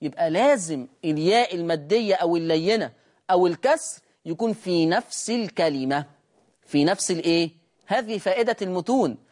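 A man's voice: sits high, animated, a little mellow. Egyptian man teaching Quran recitation. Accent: Egyptian Arabic. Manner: asks himself questions and answers them, drawn-out demonstrations of sounds. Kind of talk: recitation lesson. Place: teaching room with a board.

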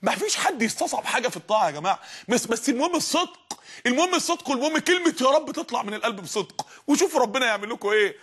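A man's voice: extremely high pitch, big pitch swings, rapid-fire, fairly bright tone, slightly rough. A man preaching with an Egyptian Arabic accent, fervent and emphatic, raising his voice at times. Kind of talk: energetic religious lesson.

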